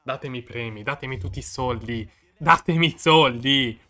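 A man giving excited live commentary on his own football video game match, shouting and repeating himself in disbelief. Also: mid-range voice, normal speed, slight background noise. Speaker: gaming video creator.

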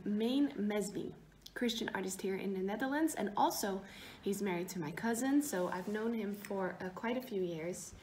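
A woman's voice: mid-range voice, a little mellow. A young woman talking to camera in a casual vlog, chatty and upbeat, with lots of fillers. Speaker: vlogger and radio host. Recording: noisy camera audio.

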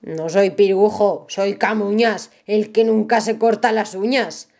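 A woman voicing a stubborn, indignant old male wizard in a storybook reading, drawing his words out slowly. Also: mid-range voice, fairly even intonation, darkish tone, lightly acted. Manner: slow, drawn-out indignant protests.

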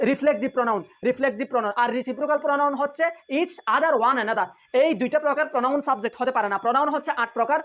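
A woman from Bangladesh, teaching English grammar. She repeats each key point and keeps asking her listeners rhetorical questions. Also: high-pitched. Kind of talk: spoken grammar lesson.

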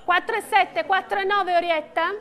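A woman's voice: extremely high pitch, steady tone, normal speed, a bit bright. A middle-aged woman working as an auctioneer, calling bids in short, repeated phrases of prices and names. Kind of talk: auction bidding calls.

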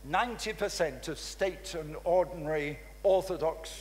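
A man in his seventies preaching a fervent, emphatic sermon with a handheld mic in a large church hall, pausing for an interpreter. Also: fairly high pitch. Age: 70s. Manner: fervent, emphatic, exclaiming hallelujah. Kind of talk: sermon in English, interpreted line by line. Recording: long reverb of a large hall.

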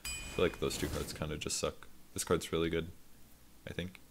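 A man's voice: extremely low pitch, level tone, brisk, noisy background. A man casually commenting on his own card game play as a streamer, self-deprecating and swearing freely.

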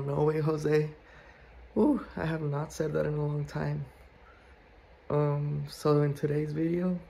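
A man's voice: fairly high pitch, creaky, dark tone, slight background noise. A young man in his twenties giving a chatty, filler-heavy house tour as a vlogger, recorded on a handheld phone camera. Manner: loose and chatty, full of fillers. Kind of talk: casual house tour vlog. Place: indoors at home. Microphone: phone held in hand.

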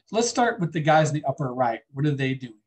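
In a classroom biology lecture, a man chats with the class and asks students questions in a conversational way. His medium-pitched voice is very animated and quick.

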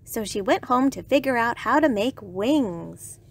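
A woman storyteller reading a children's bedtime story with lively, expressive narration. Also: a little high, a little slow, vocal fry.

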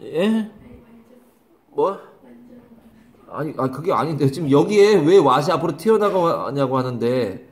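A man's voice: on the high side, lively intonation, slow pace, long pauses. A man teaching an English grammar lesson to a class, calling on students by name, repeating questions and scolding them. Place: small classroom.

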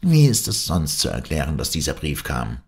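Man voicing a calm, shrewd ship's doctor. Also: extremely low pitch, normal speed, creaky, exaggerated voice. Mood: reasoning.

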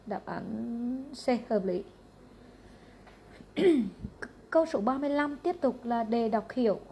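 Brisk Vietnamese woman teaching English. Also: a little high, gravelly, darkish tone, a little hiss or hum. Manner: brisk, matter-of-fact, repeats question numbers. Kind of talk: going through exam answers.

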